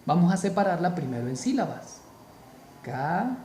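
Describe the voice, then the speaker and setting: A man teaching a spoken grammar lesson, slow and deliberate, repeating key terms for emphasis. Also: high-pitched, lively intonation, mellow, roomy sound, a little hiss or hum.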